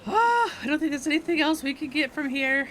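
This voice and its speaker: A woman's voice: high-pitched, animated, brisk, a bit bright, slight background noise. A woman giving casual live commentary as she plays through a game. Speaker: game streamer.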